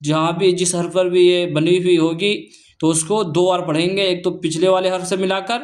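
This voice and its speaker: Brisk, fairly high-voiced male Quran teacher. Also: flat delivery. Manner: slow chanted recitation of syllables, brisk explanations between. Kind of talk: Quran reading lesson.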